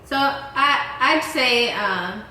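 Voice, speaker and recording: A woman's voice: on the high side, lively intonation, very slow, bright, forceful tone, slight background noise. A woman in her twenties hosting a casual Q&A vlog, chatting loosely with lots of "um" and "like". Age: 20s. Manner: casual, many fillers like "um" and "like". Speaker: vlog host. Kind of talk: casual Q&A chat. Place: indoor lounge room. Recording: echoey room.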